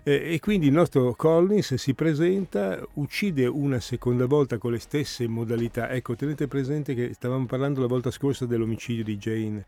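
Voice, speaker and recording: A man's voice: medium pitch, moderate pace, gravelly, few pauses, mellow. A man guest on a radio talk show, explaining cases in a thoughtful way with many hesitant fillers. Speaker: criminologist guest.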